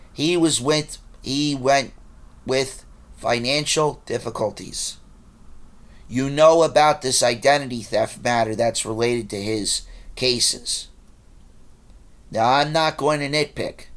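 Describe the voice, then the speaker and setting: A man with a voice of ordinary pitch records a rambling monologue straight to camera. He sounds agitated and accusatory, turning to address people directly as he goes. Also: a bit bright. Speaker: vlogger.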